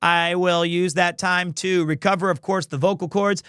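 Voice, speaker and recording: A man's voice: high-pitched, fairly even intonation, normal speed, a bit bright, clear, resonant tone, no echo, studio quality. A man hosting a livestream, chatting casually with viewers in a rambling, playful way. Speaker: livestream host, amateur voice actor. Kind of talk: casual chat with stream viewers.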